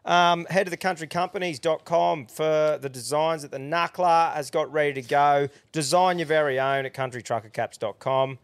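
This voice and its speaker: A man's voice: on the high side, moderate pace, few pauses, smooth, no room sound. A man with an Australian accent co-hosting a casual podcast, talking in a laid-back, sweary, blokey tradesman manner. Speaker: podcast co-host. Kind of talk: casual banter between mates with sponsor reads.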